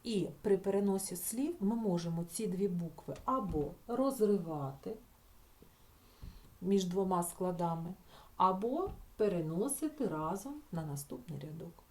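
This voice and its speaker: Patient woman teacher with a mellow voice. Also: on the low side, animated. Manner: patient and explanatory, stretching out example words slowly; talks the class through with filler sounds and checking "так?". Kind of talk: recorded spelling lesson for schoolchildren.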